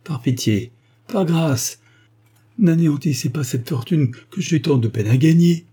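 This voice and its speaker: A man's voice: mid-range voice, normal speed, mellow, husky. A man reading the part of a frightened ex-valet who begs and cries out in a story. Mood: pleading. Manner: pleading, crying out. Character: desperate male ex-valet accomplice.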